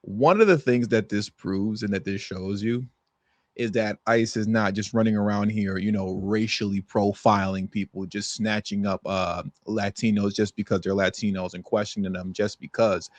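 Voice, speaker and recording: A man's voice: fairly low pitch, fairly even intonation, normal speed, no room sound. A man hosting an opinion commentary on news clips, emphatic, repeating his points and acting out quotes. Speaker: commentary host.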